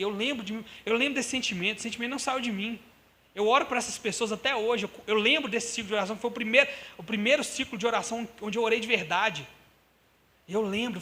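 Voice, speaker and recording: Young male preacher, casual conversational sermon, bright high voice, light background noise. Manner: conversational, addresses the congregation directly. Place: church.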